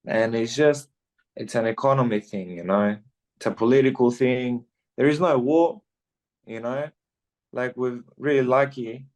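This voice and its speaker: A Greek fighter in his twenties chats easily as a guest in a casual interview, often dropping in "you know." His medium-pitched voice is unhurried with a darkish tone.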